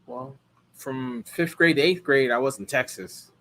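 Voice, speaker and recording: A little slowly, a medium-pitched, slightly bright male voice answers viewer questions over a faint hiss or hum. He's an American car rental host in his thirties, chatting casually live and rambling with many fillers and restarts.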